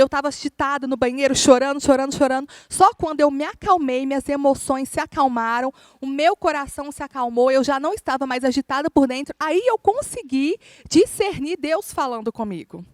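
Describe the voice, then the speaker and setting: A woman minister, preaching a sermon through a lively personal story and often calling out to the congregation. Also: high voice, no echo. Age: adult, married.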